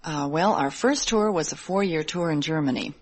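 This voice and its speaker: A woman in her thirties with an American accent speaks at a normal speed in a voice that sits low. She's an Army wife appearing as an interview guest, answering questions conversationally.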